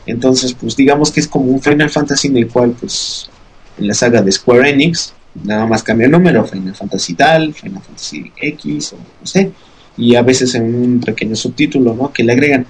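A man's voice: mid-range voice, moderate pace, breathy edge, poor audio. A man co-hosting a podcast, explaining game news in a rambling casual way with many fillers. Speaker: podcast co-host. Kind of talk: casual news segment chat.

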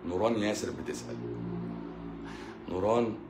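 A man's voice: lowish voice, moderate pace, roomy sound, noisy background. A man with an Egyptian Arabic accent, a doctor hosting a live stream who answers viewers casually, explaining in a teasing, sarcastic way.

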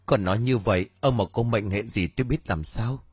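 A man reading an anxious middle-aged wife, tearful, pleading, husky, dry storybook reading. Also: on the low side, brisk, no room sound. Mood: crying.

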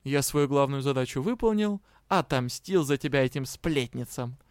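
Guy reading as a smug lazy magic cat, slow and self-satisfied, smooth voice, dry sound. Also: mid-range voice, animated, no room sound, close to an everyday voice. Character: smug lazy male cat spirit of a golden dragon. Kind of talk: audiobook character reading.

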